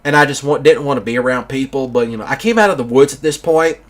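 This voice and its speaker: A man's voice: medium pitch, quick pace. A man in his thirties telling a long personal story in a casual monologue, rambling with lots of fillers. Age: 30s. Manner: rambling, filler-heavy with many "you know"s. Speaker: gaming channel host.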